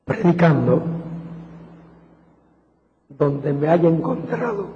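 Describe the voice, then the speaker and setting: A man from Spain with a Castilian Spanish accent, preaching a sermon in a fervent, slow and deliberate way that climbs to emphatic peaks. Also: a little high, lively intonation, background noise. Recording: echoey hall, dull lo-fi sound.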